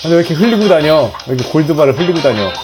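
A man's voice: fairly high pitch, very fast, low-quality recording. A man hosting a gaming channel, giving playful commentary on mobile games as he plays, yelping and groaning at misses and cheering at wins. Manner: excitable, yelps and groans at failures, cheers at wins. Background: game music.

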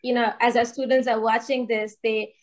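Woman on a zoom panel, fairly high voice, soft, lots of um and you know. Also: level tone, moderate pace. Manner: soft-spoken, many fillers like um and you know. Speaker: dental faculty panelist. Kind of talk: panel discussion on video call. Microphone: laptop webcam on video call.

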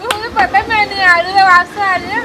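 Very high-voiced young woman in loud cafe. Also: fairly even intonation, quick pace, a loud crowd. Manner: teasing, playful. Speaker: cousin. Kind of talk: casual chat. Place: busy cafe, indoors. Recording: very loud cafe background noise.

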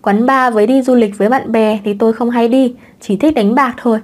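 A woman's voice: a little high, fairly even intonation, fairly quick, darkish tone, natural voice. A woman reading a cheeky young divorced mother. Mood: teasing.

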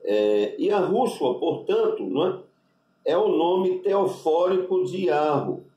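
A man with a Brazilian Portuguese accent, a rabbi giving an unscripted religious lesson, deliberate and spelling out Hebrew letters with constant tag questions. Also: a little high, expressive, warm tone, distant mic. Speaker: rabbi teaching Hebrew names. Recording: echoey room, voice off-mic.

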